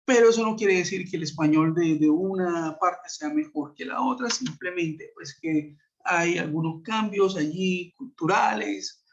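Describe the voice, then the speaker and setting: Teaching over a web conference, a Colombian English teacher with a Spanish accent explains a lesson patiently in a somewhat high, slightly slow voice. He's full of hesitations, fillers and tag questions checking on his students. His computer mic gives dull, muffled, lo-fi call audio.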